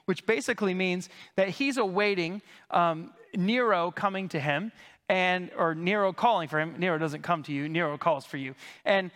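A male pastor with a high voice teaches an expository sermon, casually unpacking Greek words. He keeps coughing while getting over a lost voice, and his speech echoes with long reverb across the church sanctuary.

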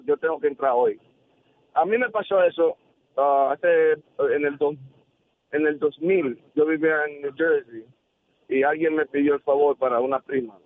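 A man's voice: on the high side, dry recording. A man calling in to a talk show by phone, chatty and laughing easily. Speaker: phone-in caller. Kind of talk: casual phone call. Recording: dry tinny phone line.

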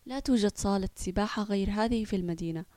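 Protective mother, reassuring, natural pitch; the narrator reads her. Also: fast, no echo, close to an everyday voice. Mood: tender. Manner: warm and reassuring. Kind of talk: children's audio story.

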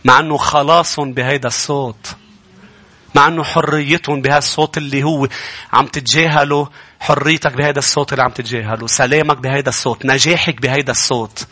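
A male pastor with a Lebanese accent preaching a sermon, swinging between low earnest tones and high emphatic bursts. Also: fairly even intonation, fast, bright, forceful tone.

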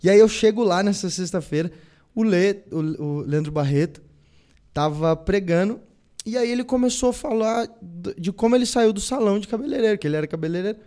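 A man's voice: high-pitched, animated, a little fast, dark tone. A young Brazilian man, a guest, telling a personal faith story and acting out the dialogue as he goes. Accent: Brazilian Portuguese.

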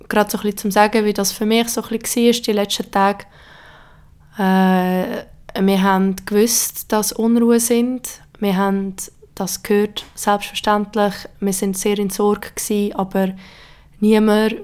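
Hoarse woman with a Swiss German accent. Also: mid-range voice. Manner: halting, many pauses and fillers. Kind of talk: serious personal account.

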